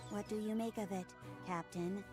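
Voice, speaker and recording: A woman's voice: medium pitch, steady tone, normal speed, music in the background, natural voice. A woman voicing a dutiful robot ship assistant, with stiff, formal robot speech and spoken beeps.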